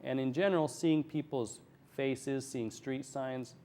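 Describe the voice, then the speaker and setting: A man appears as an interview guest in a TV studio, speaking as an eye surgeon and medical expert. His medium-pitched voice is warm and unhurried with fairly even intonation as he explains things plainly, step by step.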